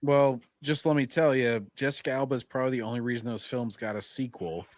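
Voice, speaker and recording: A man's voice: mid-range voice, steady tone, fast talker, dry recording. A man co-hosting a casual podcast, telling stories in a laid-back, joking way. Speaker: podcast co-host.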